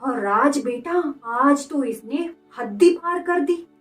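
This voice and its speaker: Woman putting on a bossy mother-in-law, shrill and scornful, kinda high, echoey room far from the mic. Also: expressive, slow pace, faint music behind. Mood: complaining. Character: harsh scolding middle-aged mother-in-law.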